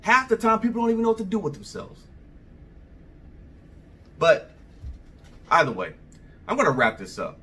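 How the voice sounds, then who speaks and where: A man's voice: medium pitch, sharp tone, distant mic. A male vlogger giving a rambling, conversational opinion monologue to the camera.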